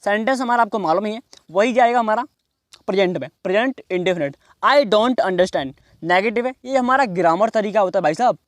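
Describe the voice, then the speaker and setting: A man teaching in a class, explaining slowly and repeating each phrase. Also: high voice, dry recording, studio quality. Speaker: English teacher. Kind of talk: classroom lesson.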